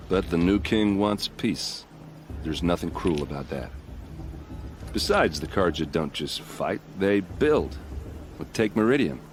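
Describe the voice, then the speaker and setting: In game cutscene dialogue, a friendly warrior speaks in a deep voice, plain-spoken and wry, proud of his people and given to folksy boasting. He sounds proud and inviting, with faint ambient noise in the background.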